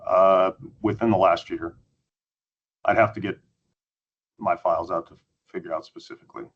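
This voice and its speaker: A man's voice: low voice, fairly even intonation, normal speed, muffled recording. A man testifying as a witness at a hearing over a video call, giving brief, matter-of-fact answers. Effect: heard over a video call. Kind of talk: answering questions under examination.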